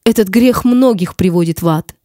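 A woman reading the lines of Jesus, a calm, grave male savior, in a solemn, measured audiobook reading. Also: medium pitch, no room sound, studio quality, natural voice.

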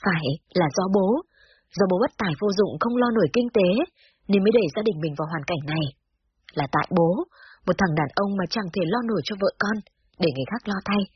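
A woman voicing a despairing father who alternates between shouting and remorse, in a slightly dull lo-fi recording. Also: mid-range voice, animated, brisk, slight background noise, lightly acted. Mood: remorseful. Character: despairing, short-tempered father.

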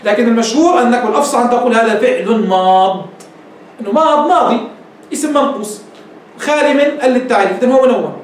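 A man with a Levantine Arabic accent teaches a grammar class, explaining patiently and checking that his students follow. His voice sits very high for a man, and he talks quickly. The recording is strongly echoey, with the mic well away from him. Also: slight background noise. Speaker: Islamic scholar teaching grammar. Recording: echoey room, mic at a distance.

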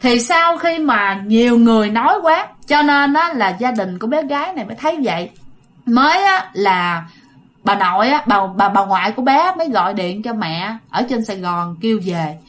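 A woman with a Southern Vietnamese accent tells a ghost story in a casual, chatty way. Her voice sits high, and she keeps turning to speak directly to her listeners. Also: expressive, moderate pace, fairly bright tone.

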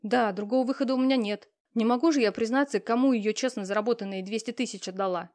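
A woman's voice: on the high side, quick pace, a little mellow, close to an everyday voice. A woman reading an audiobook, voicing a flustered young female student who talks hesitantly and anxiously.

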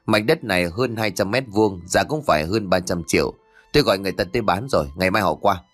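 A man's voice: low voice, quick pace, no echo, soft background music. A man reading an audiobook, voicing a greedy, cruel young adult son who snarls with contempt. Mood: contemptuous.

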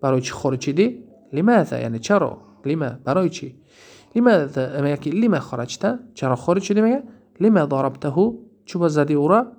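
In a recorded lesson on a textbook, a man with a Tajik accent teaches Arabic grammar in a fairly high, very animated, darkish voice. He explains by posing questions and answering them himself while reading Arabic examples aloud.

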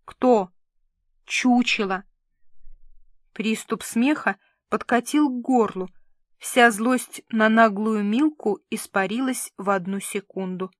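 Woman audiobook narrator, slow and expressive, dry close sound. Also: fairly high pitch, dry recording. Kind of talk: scripted narration.

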